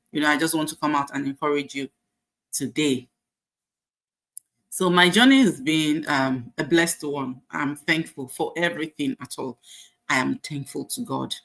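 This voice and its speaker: A Nigerian nurse in her forties shares her life journey in a casual personal testimony, faith-filled and encouraging, with frequent fillers. Her voice is deep with a fairly bright tone.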